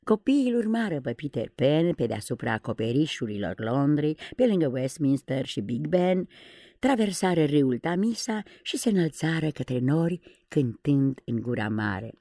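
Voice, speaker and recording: A woman reads a children's fairy tale aloud with expressive, dramatic phrasing. Her voice is low and husky with a gravelly edge, and her pitch moves widely. The recording is close and dry. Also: dry recording. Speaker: audiobook reader. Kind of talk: storybook narration.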